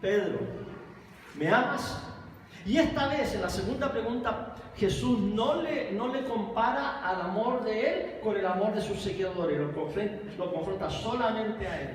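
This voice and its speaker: A man's voice: sits high, normal speed. Male preacher, emphatic, heard from afar with faint noise. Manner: emphatic, addresses listeners directly. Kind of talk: sermon. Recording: echoey hall, distant mic, faint noise.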